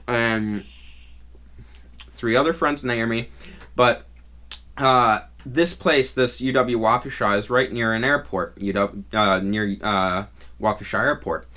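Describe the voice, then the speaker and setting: Male vlogger, mid-pitched, casual and unscripted storyteller with a halting, meandering delivery. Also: fairly even intonation, bright, forceful tone. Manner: rambling and halting, with trailing restarts. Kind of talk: casual first-person storytelling.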